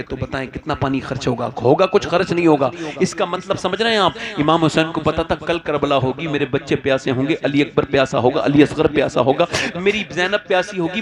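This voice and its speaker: A man preaching an impassioned religious sermon at a gathering, rising to shouts and calling on the listeners to respond. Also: on the high side. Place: religious gathering before a crowd. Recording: live gathering with crowd behind.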